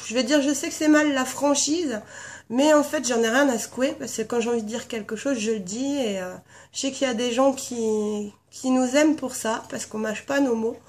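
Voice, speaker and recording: A hoarse woman chatting casually in a vlog, blunt and frank, rambling with lots of fillers. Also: a little high, darkish tone. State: hoarse from a sore throat. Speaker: vlogger, founder of a paranormal blog team. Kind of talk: casual chat answering a tag. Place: at home with her cat nearby.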